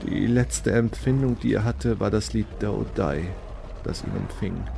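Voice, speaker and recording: A man narrating a science fiction story in a measured, dramatic way. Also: fairly low pitch, vocal fry, noisy background. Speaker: audiobook narrator. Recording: read over loud background music.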